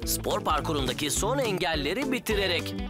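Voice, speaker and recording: A man's voice: high-pitched, big pitch swings, brisk. A man voicing a friendly, capable builder who leads a team in a children's cartoon. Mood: cheerful. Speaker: cartoon lead character. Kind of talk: animated children's show dubbing. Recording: music under the dialogue.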